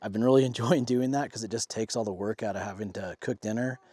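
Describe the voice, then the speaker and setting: A man's voice: fairly low pitch, fast talker, warm tone, husky, no echo. A man talking casually to camera by a campfire at an outdoor campsite, as a camping vlogger. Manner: chatting by a campfire.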